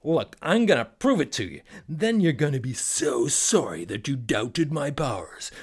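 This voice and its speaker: A man's voice: mid-range voice, sing-song, moderate pace, husky, voice pushed up. A man voicing a brash, boastful evil male genie who taunts and swaggers. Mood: taunting.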